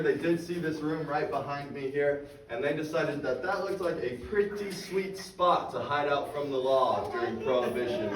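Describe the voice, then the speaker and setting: A man guiding a tour group through an underground cave, projecting loudly so the group can hear. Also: on the high side. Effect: cave echo. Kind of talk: guided tour talk. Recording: echoey cave, heard from a distance.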